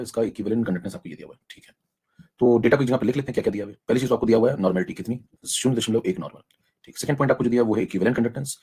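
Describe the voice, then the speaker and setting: Rapid, husky-voiced male chemistry teacher. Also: mid-range voice, a little mellow. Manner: rapid, coaxing, mixes in English technical terms. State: saving his voice, speaking softly. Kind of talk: live online class lecture.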